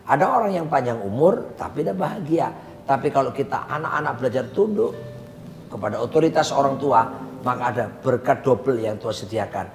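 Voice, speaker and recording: Faint music plays behind a male pastor whose mid-range voice moves briskly with lively intonation. He and his co-host deliver a conversational sermon in a coffee lounge, where he preaches emphatically and repeats his partner's words; the sound is roomy and reverberant with a faint hum.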